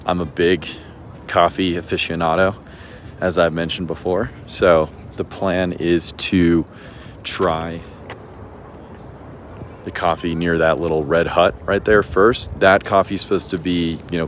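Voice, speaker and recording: Male travel vlogger, deep voice, casual rambling delivery, recorded outdoors. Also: a little slow, slight background noise. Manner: relaxed, chatty, says "you know" and "like" a lot. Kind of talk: casual travel vlog narration. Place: outdoors on a hilltop city viewpoint.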